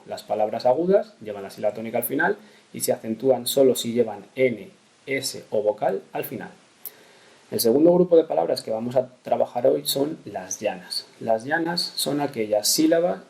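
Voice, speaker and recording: Male teacher, low gravelly voice, patient lesson delivery. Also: mellow. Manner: patient, repeats key rules. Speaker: primary school teacher. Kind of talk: explanatory lesson narration.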